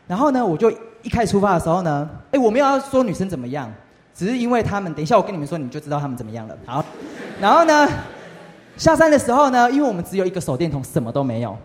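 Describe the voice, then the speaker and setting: A young man tells a lively testimony story to a youth group, often asking the audience questions. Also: sits high. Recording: reverberant hall.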